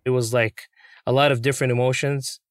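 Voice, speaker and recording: A young man, a puppeteer, telling his story in an interview, earnest and excitable. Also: medium pitch, a little fast, dry recording, clean studio sound. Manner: earnest, excitable, many fillers.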